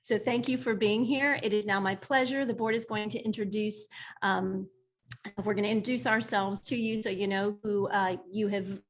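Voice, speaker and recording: A woman hosting an online membership meeting over a video call, upbeat and cheerful as she welcomes everyone. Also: medium pitch. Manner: upbeat, cheerful emcee, counting down. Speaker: board president hosting meeting.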